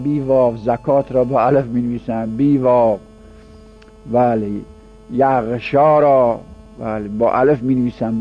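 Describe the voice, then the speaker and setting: A man teaching Arabic grammar in a classroom lecture, whose first language is Persian, drawing out the example words slowly. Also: mid-range voice. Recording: dull lo-fi recording with mains hum.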